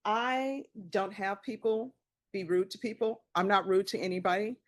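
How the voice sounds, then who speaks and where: Woman judge, firm and measured, lecturing from the bench. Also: mid-range voice. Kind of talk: courtroom proceedings. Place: courtroom.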